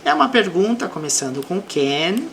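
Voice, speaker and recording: A woman with a Brazilian accent teaching English, reading example sentences slowly and explaining them. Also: fairly low pitch, sing-song, gravelly, slight background noise. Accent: Brazilian Portuguese. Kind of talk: slow explanatory language lesson.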